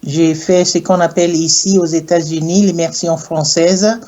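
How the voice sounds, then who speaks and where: A middle-aged man from Ghana, an English speaker, answering interview questions in a slow, hesitant way with many pauses and fillers. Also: fairly high pitch, fairly even intonation, darkish tone, dull audio. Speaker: guest, clergyman and university French teacher.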